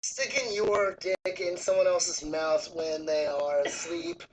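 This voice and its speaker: A man's voice: sits high, fairly even intonation, slow pace. A man hosting a casual smoking show, talking like a crude, slangy stoner. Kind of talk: casual chat. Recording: noticeable background noise.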